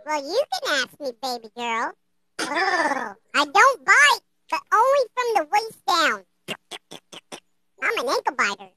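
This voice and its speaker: A man's voice: very high-pitched, very animated, a little slow, sharp tone, full character voice. A performer voicing a brash, flirty male blue puppet who hosts a live stream, cracking crude jokes and cackling often. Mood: flirty, cocky.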